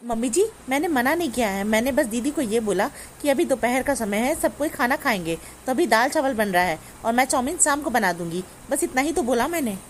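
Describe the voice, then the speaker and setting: A put-upon young daughter-in-law, played by a woman, grumbles to herself about her in-laws in a family comedy skit. Her voice sits slightly high. A faint noise runs behind her. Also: animated, brisk, hardly any pauses, close to an everyday voice. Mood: defensive. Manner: complaining, muttering asides.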